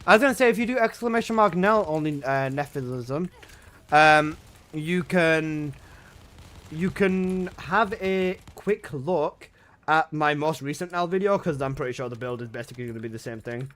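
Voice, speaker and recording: A young man with a fairly bright, higher-pitched voice chats casually at a moderate pace on his gaming livestream. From his room at home, he answers his chat in laid-back slang.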